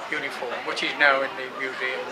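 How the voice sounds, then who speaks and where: A man's voice: medium pitch, little pitch movement, a little fast, over a noisy crowd. An older retired British man, a town crier, chatting informally in an interview outdoors. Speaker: town crier, former beefeater. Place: outdoors by a brick building. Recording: clear outdoor street and traffic noise.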